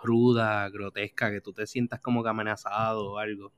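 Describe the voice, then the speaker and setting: A man's voice: fairly low pitch, little pitch movement, normal speed, a bit bright, smooth. A man co-hosting a casual chat, asking questions and laughing easily.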